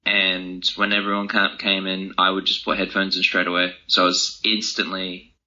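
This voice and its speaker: A young man, an author and speaker appearing as an interview guest, answers questions casually and reflectively, thinking aloud in informal language. His low voice is monotone and pushed, with a bright quality at a moderate pace. The audio is dull and lo-fi.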